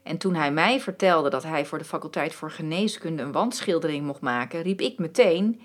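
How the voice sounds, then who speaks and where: A dreamy muse stepped out of a painting , voiced by a woman narrator. Her low, breathy voice drifts slowly, swooping up and down in lively melodies. She sounds wistful and softly mystical. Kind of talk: storytelling narration.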